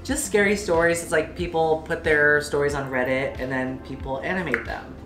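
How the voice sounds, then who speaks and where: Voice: medium pitch, fairly even intonation, normal speed, reverberant, over music. A sassy, campy drag queen host chatting casually and teasing while reacting to videos. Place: indoor studio with plain lit backdrop.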